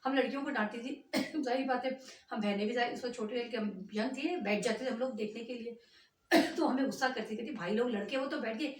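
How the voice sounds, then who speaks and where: An older woman tells a story in a chatty, meandering way, often drifting off the point. Her voice sits fairly high. She is heard from a distance in an echoey room, with faint ambience behind her. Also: fairly quick. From Punjab, Pakistan. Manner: chatty, rambling, animated. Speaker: vlogger. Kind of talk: storytelling vlog.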